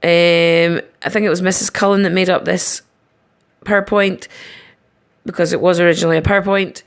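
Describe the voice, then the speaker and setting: Woman teacher w/ a lowish gravelly voice, slow patient explaining for an online class. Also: flat delivery. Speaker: primary school teacher. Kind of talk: recorded online lesson.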